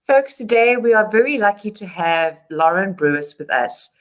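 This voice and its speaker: A woman's voice: medium pitch, lively intonation, normal speed. A woman hosting a charity web show, reading an upbeat prepared script. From South Africa. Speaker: show host.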